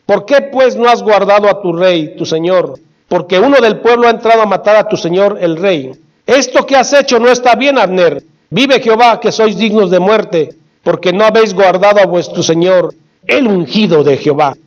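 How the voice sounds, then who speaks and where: A man's voice: high-pitched, animated, normal speed. A man preaching voices a young male warrior pleading and rebuking in a raised, impassioned voice. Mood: indignant. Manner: impassioned, shouting across a distance. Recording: dull lo-fi recording.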